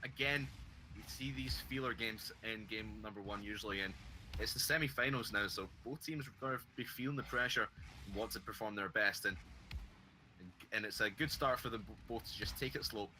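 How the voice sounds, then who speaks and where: A man giving relaxed esports color commentary and reading out donations, with many fillers. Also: fairly low pitch, brisk, a little hiss or hum, rough recording. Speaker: esports co-caster.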